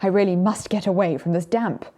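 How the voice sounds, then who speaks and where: A storyteller playing a gentle, mellow, teasing Death. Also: medium pitch, steady tone, close to an everyday voice. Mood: mild, polite. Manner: measured, matter-of-fact, kindly. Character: calm, gently teasing male Death, quietly amused.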